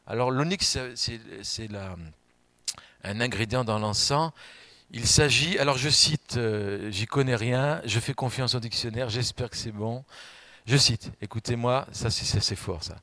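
Animated male preacher, dry close sound. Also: medium pitch, measured pace, dry recording. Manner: animated, swings between loud emphatic outbursts and quiet asides; addresses the congregation directly with questions. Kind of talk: sermon.

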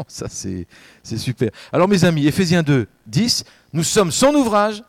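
A man preaching a baptism sermon, talking straight to his listeners, jumping between loud emphatic bursts and soft intimate asides. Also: on the high side, sing-song, measured pace, dry recording. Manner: conversational, addresses listeners directly with filler tags. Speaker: pastor.

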